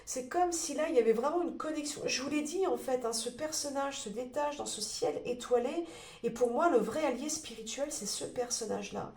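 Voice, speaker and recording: A woman's voice: high-pitched, brisk, darkish tone. A woman with a cold and a blocked nose giving a spoken tarot reading, searching for words with many fillers and restarts. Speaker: tarot card reader. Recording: roomy echo.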